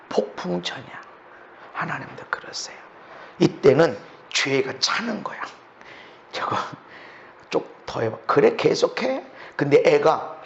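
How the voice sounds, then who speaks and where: A man preaching a sermon as pastor, swinging from low murmurs to shouted lines. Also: vocal fry, muffled recording.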